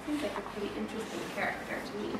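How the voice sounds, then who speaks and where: In a noisy, roomy classroom recording made from a distance, a female elementary school teacher reads a picture book aloud to the children indoors. Her storytelling is dramatic and expressive, with key words emphasized, and her medium-pitched voice races along.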